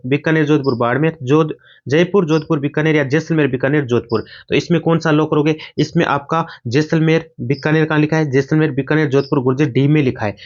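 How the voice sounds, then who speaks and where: Fast-drilling exam coach. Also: male voice, medium pitch, dull audio. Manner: fast, repetitive question-and-answer drilling, answers his own questions. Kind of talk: rapid quiz-answer online class.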